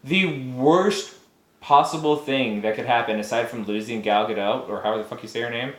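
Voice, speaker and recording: A man's voice: medium pitch, brisk. A man co-hosting a casual chat, ranting heatedly and swearing a lot. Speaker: podcast co-host. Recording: echoey room.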